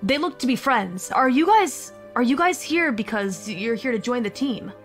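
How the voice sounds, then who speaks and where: A woman as a male janitor, flustered, stumbles over his words, highish voice. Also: expressive, normal speed, faint music behind, natural voice. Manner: stammering, hesitant.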